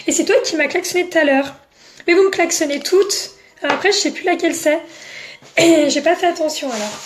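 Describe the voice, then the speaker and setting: A French-speaking woman selling makeup on a casual live stream, chatting and answering viewers by name. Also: high-pitched.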